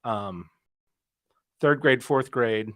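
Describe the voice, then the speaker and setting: A man in his forties, raised in South Carolina, talks casually as a podcast guest. He spins stories and slips into little acted-out quotes. His voice sits at a middle pitch, recorded dry and close. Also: extremely slow, a bit bright, no room sound. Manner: chatty, storytelling with acted-out quotes. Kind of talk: casual interview chat.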